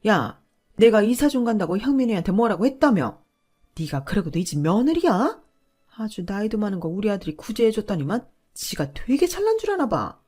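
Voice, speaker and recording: A woman voicing a loud, bossy older mother-in-law who scolds her daughter-in-law in a booming voice. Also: lively intonation, normal speed, soft background music, lightly acted. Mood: scolding.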